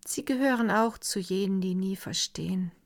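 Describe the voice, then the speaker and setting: A woman's voice: medium pitch, normal speed, lightly acted. Woman doing a wistful, aloof young lady.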